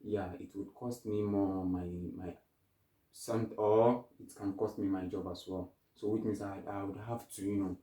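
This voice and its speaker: A man's voice: lowish voice, steady tone, moderate pace, warm tone, roomy sound, far from the mic, low-quality recording. A young man from Ghana, a guest in a casual interview, answering thoughtfully with many restarts.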